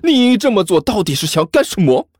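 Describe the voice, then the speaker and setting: A man voicing a cowardly young martial brother who fakes grand indignation and stammers out flattery and excuses, in an audiobook. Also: high-pitched, a little fast, no echo, clean studio sound, voice pushed up. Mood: blustering. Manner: over-the-top mock indignation, nervous stammering and flattery. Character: cowardly, fawning young male senior martial brother, full of glib excuses. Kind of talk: audiobook character voice.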